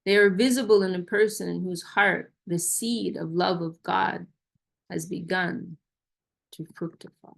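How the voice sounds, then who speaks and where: A woman with a low, gravelly voice hosts a relaxed question-and-answer session over a video call. She speaks casually, with halting restarts and a self-deprecating tone. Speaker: host of a Q&A session. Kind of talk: casual online discussion.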